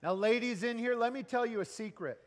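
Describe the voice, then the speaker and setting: A man preaching a sermon as pastor, joking and animated, pausing for an interpreter. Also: very high-pitched, long reverb tail.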